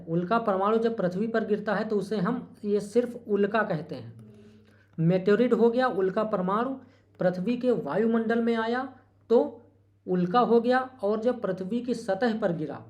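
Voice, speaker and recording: A slightly mellow, medium-pitched teacher runs an exam-prep lecture, circling back to key terms and raising rhetorical questions. Small slip-ups are caught and corrected with a quick apology.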